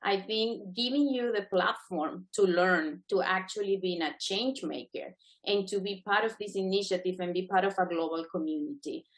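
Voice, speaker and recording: On poor audio, a middle-aged Venezuelan woman with a medium-pitched voice speaks at a webinar. A native Spanish speaker, she's a guest speaker on the adjudicating panel, giving earnest, encouraging remarks that are prepared but semi-spontaneous.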